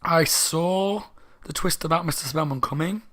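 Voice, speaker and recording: A man's voice: a little high, moderate pace, pushed and bright. Tipsy man rambling a book review. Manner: rambling, tipsy, self-correcting.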